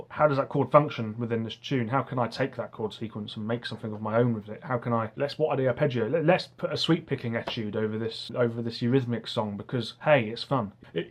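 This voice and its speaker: A man of medium pitch chats to camera in an earnest, enthusiastic way. He pronounces his R softly, closer to a W, and rambles along like an online music teacher sharing advice. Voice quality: soft R sounds, says w for r. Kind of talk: casual talk to camera.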